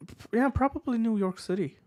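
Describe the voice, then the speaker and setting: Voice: mid-range voice, brisk, a little mellow. A streamer from Switzerland, chatting casually and thinking aloud while playing, joking and swearing as they guess. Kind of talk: casual gaming stream chat.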